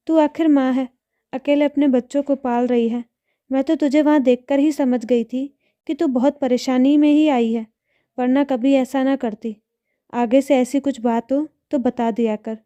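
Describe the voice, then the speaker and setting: A woman's voice: sits high, mellow, no room sound, muffled recording, natural voice. A woman voicing a composed, kind young woman. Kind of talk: storybook narration.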